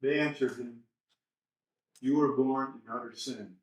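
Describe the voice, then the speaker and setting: A man's voice: medium pitch, fairly even intonation, unhurried. A man in the class reading a Bible verse aloud, a bit hesitant. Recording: roomy hall, voice from far off.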